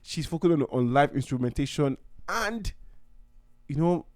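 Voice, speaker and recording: A man's voice: a little high, animated, normal speed, darkish tone, no echo, studio quality. Heartfelt rambling young man from Nigeria. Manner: heartfelt, rambling, with many restarts. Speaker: podcast host. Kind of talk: casual solo podcast talk.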